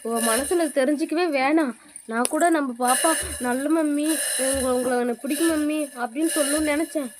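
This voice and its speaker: A young woman with a high voice coaxes her small child in playful, sing-song baby talk and slips into mock whimpering. It is a noisy phone recording made at home, with a steady hiss behind her. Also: brisk. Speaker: mother and vlogger. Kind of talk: casual home vlog with her toddler.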